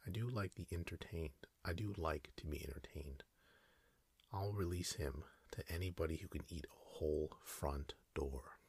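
A man's voice: rumbling low, moderate pace, breathy edge, no room sound, full character voice. A man voicing a stubborn, teasing female witch in a whispered role-play. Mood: bargaining. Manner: dismissive, bargaining.

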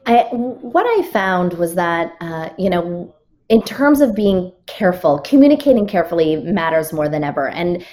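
A woman author and keynote speaker, guesting on a podcast, answers questions in a lowish, darkish voice with lively intonation at a moderate pace. She sets out her numbered rules one by one, backing each with a story or example, with occasional restarts and fillers.

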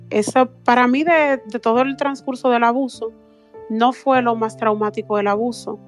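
A woman in her thirties giving a personal account in an interview, speaking earnestly with halting restarts. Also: fairly high pitch. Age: 30s. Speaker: interview guest. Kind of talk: personal testimony.

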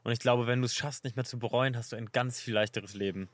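A man's voice: mid-range voice, fairly even intonation, fast, dry recording. A man hosting a casual podcast chat, eager and affirming. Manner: eager, lots of affirming fillers. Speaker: podcast host.

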